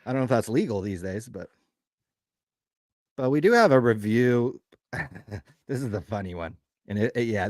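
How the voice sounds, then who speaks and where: A man's voice: on the low side, darkish tone, dry recording, clean studio sound. A man co-hosting a live sports card radio show in casual, profane, emphatic and joking chat.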